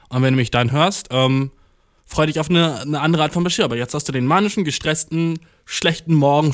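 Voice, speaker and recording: A man podcasting from home, ranting in a casual, restless way, swearing a lot and dropping English slang. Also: mid-range voice. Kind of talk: casual rant to the listener.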